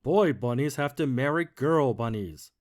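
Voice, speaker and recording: A man puts on a pompous stink bug who runs the garden in this storybook reading. He booms his rules slowly and loudly, his pitch swinging widely. He sounds self-important and stern. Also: expressive, natural voice. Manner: loud, slow, booming decrees.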